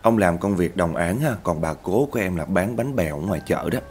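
Animated and a little fast, a man narrates a spooky story as its host, talking to listeners in a chatty way and calling them "các bạn." His voice goes up in pitch at tense points. The tone is a little mellow, and there is slight background noise.

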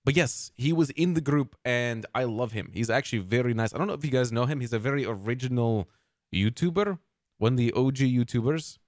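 A man's voice: mid-range voice, fairly quick, darkish tone, no echo. Chatty man talking to his viewers, dry sound. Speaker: streamer. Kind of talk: casual chat with viewers.

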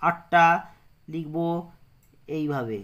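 A man with a West Bengal accent leads a reading lesson for small children. His voice is bright and sits a little high. He spells words out slowly, one syllable at a time. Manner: slow syllable-by-syllable spelling aloud. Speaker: primary school teacher.

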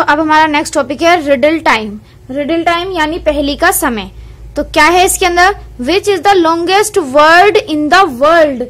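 A woman's voice: very high-pitched, a bit bright. A woman teaching a young children's English class online, patiently explaining step by step and asking the class questions. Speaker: primary school English teacher.

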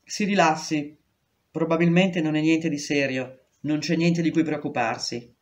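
A woman's voice: low voice, steady tone, measured pace, a little mellow. A woman reading aloud, voicing a dismissive male prison doctor with curt, evasive replies. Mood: cold. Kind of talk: audiobook reading.

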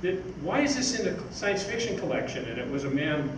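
Brisk and sing-song, an older magazine editor gives an informal live talk from notes on an indoor theatre stage, rambling a little. His voice is on the higher side. The recording is very echoey and roomy with clear background noise, since a distant camera picks up his stage mic on a stand.

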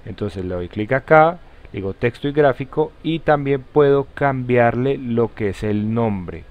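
A man with a Colombian accent hosting a step-by-step software tutorial in an informal way, using friendly diminutives. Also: medium pitch, animated, a little slow. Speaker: tutorial host. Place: voice-over for a screen recording. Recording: slightly dull, lo-fi sound.

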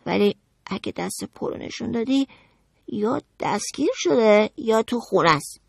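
A woman's voice: on the high side, lively intonation, gravelly, a little mellow, breathy edge, dry recording, studio quality, exaggerated voice. A woman voicing a dreamy, stubborn ten-year-old boy in an audiobook, in an earnest, childlike way. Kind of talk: audiobook character voice.

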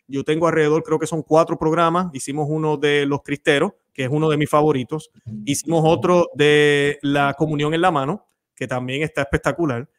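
A man's voice: on the high side, fairly even intonation, a little fast. A Mexican man hosting a live stream, chatty and inviting, sometimes losing his thread. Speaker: host.

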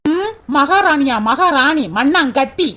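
A woman's voice: sits high, fast, a bit bright. A woman voicing a hot-tempered sister-in-law in a cartoon, sarcastic and snapping. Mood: angry. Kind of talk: Tamil cartoon dubbing.

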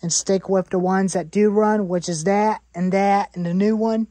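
A woman's voice: medium pitch, steady tone, moderate pace, mellow, no room sound. A woman in her twenties, rambling about saw parts, repeating herself and listing items in a cluttered garage. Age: 20s. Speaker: chainsaw hobbyist vlogger. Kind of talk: rambling show-and-tell in a workshop.

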